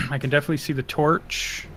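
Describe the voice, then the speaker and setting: A man narrating as dungeon master of an online tabletop game, relaxed and checking rules aloud with fillers. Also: on the high side, brisk, vocal fry, faint music behind.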